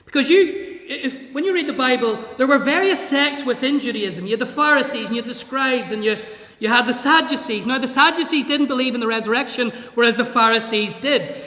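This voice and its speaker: Male preacher, high and bright voice, expository sermon, reverberant church. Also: brisk. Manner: expository, reads scripture aloud and explains it. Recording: echoey church hall.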